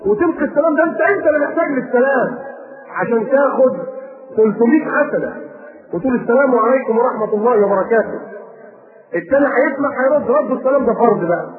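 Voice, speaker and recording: A man with an Egyptian accent preaching a sermon, animated and scolding, mimicking people as he goes. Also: extremely high pitch, quick pace, long pauses, reverberant, narrow, tinny audio, background noise. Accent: Egyptian Arabic. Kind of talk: recorded sermon lecture.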